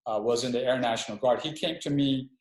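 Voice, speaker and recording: Fast and medium-pitched, a middle-aged man from Hawaii, an Army chaplain, speaks as a webinar interview guest over a video call with roomy echo. He is reflective yet a little hesitant, repeatedly restarting what he says.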